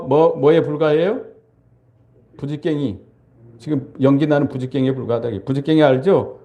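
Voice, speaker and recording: A man's voice: medium pitch, warm tone. An older man, a pastor, preaching a sermon, asking the congregation questions and answering them himself, sometimes acting out frightened crowds in a raised voice.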